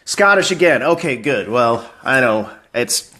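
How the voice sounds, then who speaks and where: A man's voice: medium pitch, lively intonation, unhurried, pushed and bright. A man hosting a live fan stream, greeting viewers by name and chatting casually about football news.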